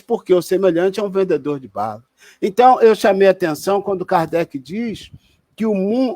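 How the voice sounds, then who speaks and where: A man's voice: high voice, dry recording, clean studio sound. A man with a Brazilian Portuguese accent giving an online spiritist lecture in a conversational, explanatory way, with restarts and tag questions.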